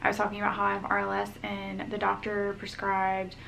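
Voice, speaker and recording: A woman's voice: medium pitch, completely flat delivery, brisk, gravelly, fairly bright tone, slight background noise. A pregnant young woman giving a casual vlog update, chatty and full of ums and likes, a little out of breath. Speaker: vlogger.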